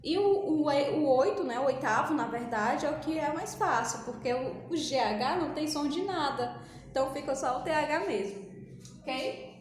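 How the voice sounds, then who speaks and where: A woman's voice: high-pitched, animated, moderate pace. A woman teaching an English class to Brazilian schoolchildren, patiently repeating and drilling pronunciation. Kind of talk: recorded online class. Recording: echoey room with faint ambience.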